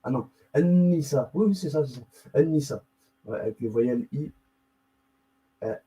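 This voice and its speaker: A man's voice: medium pitch, animated, normal speed, warm tone, rough recording. A man hosting his own video channel, rambling and interrupting himself as he muses aloud and mutters while he looks things up on screen. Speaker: YouTube host. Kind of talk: casual screen-share commentary.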